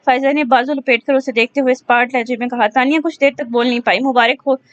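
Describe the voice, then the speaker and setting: Woman audiobook narrator, high voice, steady reading; dull lo-fi sound. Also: fast. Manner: steady storytelling with small slips. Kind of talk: reading a romance novel aloud. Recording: dull lo-fi recording.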